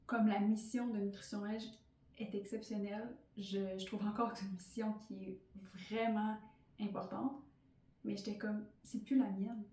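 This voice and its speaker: This woman speaks in a mid-range, warm voice with a steady tone and moderate pace. A Québécois podcast host in her thirties, she's chatty and candid in a personal monologue full of fillers, captured by a slightly distant mic in a roomy space.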